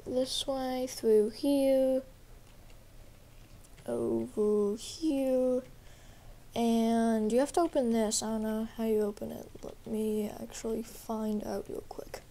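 A young woman on YouTube plays through a game in a casual walkthrough while sick, her voice a little rough. She sounds highish and steady, slow and dark-toned with vocal fry, and her talk rambles hesitantly with plenty of fillers.

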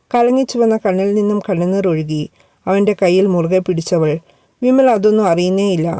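Mellow woman reading a storybook. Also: mid-range voice, clear, resonant tone, no echo, clean studio sound. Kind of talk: scripted storybook narration.

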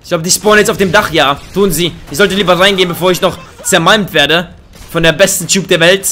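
A young man doing excitable, joking let's play commentary on a headset mic, with bursts of high laughter. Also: a little fast, faint music behind. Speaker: gaming YouTuber. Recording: faint game gunfire behind.

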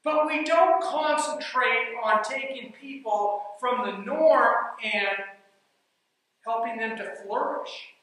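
Speaking slowly in a very high, sharp voice, a man delivers an emphatic stage talk about leadership and coaching, frequently circling back to his main phrases. He's on a dark stage in a big hall, captured from afar with echo.

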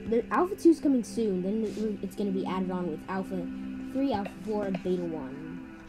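A woman's voice: mid-range voice, expressive, fairly quick, over loud music. Rambling young girl giving a game tour. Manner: rambling, repeats "pretty much". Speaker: map builder giving a tour. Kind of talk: casual game walkthrough.

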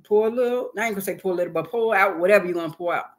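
A woman's voice: medium pitch, rapid-fire. A woman guest on an interview show, talking casually and earnestly, repeating phrases for emphasis. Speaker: guest, hip hop artist and author.

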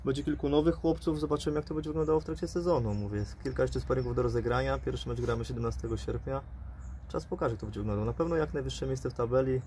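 A man in his forties, a football coach, interviewed outdoors by the pitch, talking fast and hedging with repeated fillers. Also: steady tone, mellow, a little hiss or hum. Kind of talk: post-match interview. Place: outdoors by a pitch, under a dugout shelter.

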